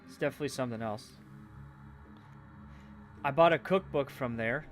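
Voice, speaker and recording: Building a Lego set on stream, a man with a Canadian accent talks at normal speed in a mid-range voice. His chat is casual and rambling, full of fillers, and he trails off when trying to remember things. Game music plays faintly behind him.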